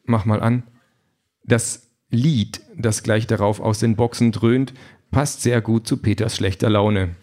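A man's voice: on the low side, steady tone, measured pace, warm tone. A man narrating a short story with a dry, ironic delivery.

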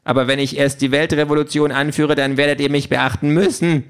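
A man voicing a cheeky, touchy talking tablet that quickly turns sulky and mocking. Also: fairly high pitch, steady tone, a bit bright, pitched above the performer's own voice. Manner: brash, then sulky and mocking.

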